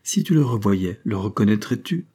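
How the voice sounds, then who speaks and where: A man's voice: on the low side, lively intonation, normal speed, warm tone, husky. A man reading aloud and voicing a frail, asthmatic old grandmother who speaks with earnest effort.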